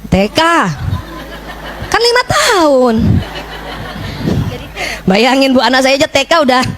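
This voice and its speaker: High-voiced woman giving a parenting talk. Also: measured pace. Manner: lively, asks the audience questions. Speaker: parenting speaker.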